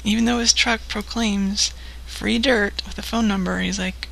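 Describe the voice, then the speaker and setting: A woman's voice: mid-range voice, fairly even intonation, normal speed, gravelly, a bit bright, low-quality recording. A woman hosting a late-night prank-call stream, chatting in a loose, unprepared way. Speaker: host. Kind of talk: casual late-night chat.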